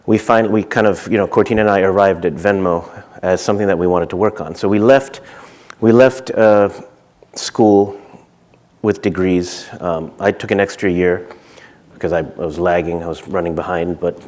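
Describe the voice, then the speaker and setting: A man's voice: low-pitched, fairly even intonation, moderate pace, a little mellow. A man in his thirties, from Zimbabwe, giving a casual conference talk on stage with many fillers and restarts. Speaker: conference speaker.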